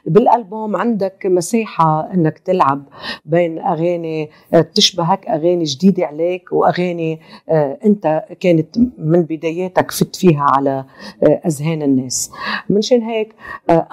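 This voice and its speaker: A woman with a Lebanese accent, a singer answering interview questions thoughtfully, pausing with fillers. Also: lowish voice, darkish tone. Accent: Lebanese Arabic. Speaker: guest singer.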